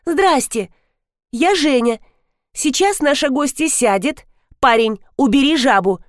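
Lady doing a squeaky frazzled young girl who chatters and begs, dry voice. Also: expressive, a little slow, no echo. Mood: chirpy bossy. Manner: shrill chattering, then pleading. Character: flustered chirpy young woman organizer.

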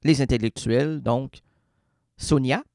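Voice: slow, dry recording, clean studio sound. A radio columnist with a Québécois accent delivering an absurd comic monologue, rambling, stopping mid-word and playing with words. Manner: rambling, self-interrupting, playing with words and sounds; swings between high excited bursts and low murmurs.

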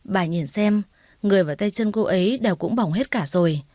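A woman voicing a kind, polite woman who calmly defends the accused teacher, in a dry recording. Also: medium pitch, brisk, dry recording, natural voice. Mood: pleading calmly. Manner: polite, gentle, reasoning.

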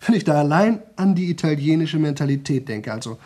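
An actor with a fairly high, dark-toned voice, fairly quick and lively in intonation, plays a young man trying to set a record for nonstop talking in a 1970 German radio drama monologue. Pleased with himself, he chats on, rambling, repeating, and slipping into singsong.

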